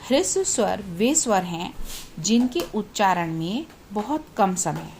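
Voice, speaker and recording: Female teacher giving a grammar lesson to children, calling out letters one at a time, mid-pitched, faint room noise. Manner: asks questions then answers them herself; reads out letters slowly one by one. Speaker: Hindi teacher.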